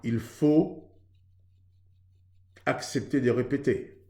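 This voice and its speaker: A man from Haiti gives an earnest sermon on marriage, drawing out his words in a medium-pitched, dark-toned voice. He preaches conversationally, acting out both sides of a couple's exchange, and the sound is roomy.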